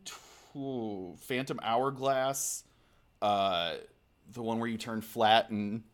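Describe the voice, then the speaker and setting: A man co-hosting a casual podcast chat, laid-back and joking, with quick asides. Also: on the low side. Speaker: podcast co-host.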